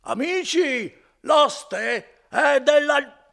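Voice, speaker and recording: A man voicing a boisterous, suspicious drunken young man in an audiobook, slurring with loud outbursts. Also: low voice, sing-song, moderate pace, creaky, husky, exaggerated voice. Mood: angry shouting. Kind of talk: audiobook character voice.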